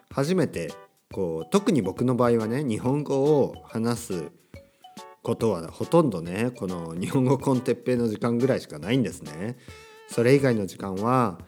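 A man's voice: on the low side, darkish tone. A man from Kyushu with a standard accent, hosting a casual solo podcast for language learners and chatting with frequent asides and questions to the listener. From Kyushu, Japan. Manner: chatty, self-deprecating, frequent filler asides and rhetorical questions. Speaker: podcast host.

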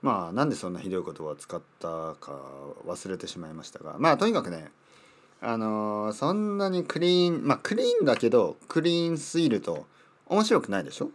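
A man's voice: on the low side, big pitch swings, fairly quick. Playful rambling male podcast host. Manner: playful and rambling, repeats words while thinking aloud. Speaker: podcast host teaching Japanese. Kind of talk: casual solo podcast talk.

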